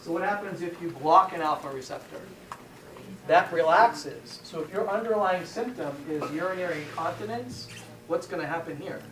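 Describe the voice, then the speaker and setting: A man's voice: fairly high pitch, normal speed, distant mic. Man lecturing in an echoey hall. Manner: asks questions then answers them. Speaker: pharmacology lecturer. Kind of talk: classroom lecture with questions to students. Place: lecture room. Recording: echoey room, voice from afar, faint hiss.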